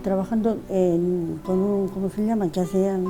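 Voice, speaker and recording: Being interviewed over music, the elderly widow of the artist speaks at normal speed in a medium-pitched, steady voice. She reminisces in a rambling, casual way, frequently repeating words and restarting sentences.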